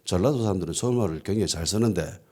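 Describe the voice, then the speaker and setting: A man's voice: low voice, racing, dark tone. A man with a Gyeongsang accent preaching a sermon, telling the story with quoted voices and frequent affirming asides. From Gyeongsang region, South Korea. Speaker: pastor. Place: church.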